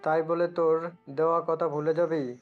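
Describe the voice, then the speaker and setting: A man acts a stern middle-aged dad in an audio drama. The pitch is a touch high and barely moves. It sounds phone-like, with faint music behind. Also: little pitch movement, normal speed, close to an everyday voice. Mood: reproachful. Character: stern middle-aged father questioning his son. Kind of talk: scripted audio story acting.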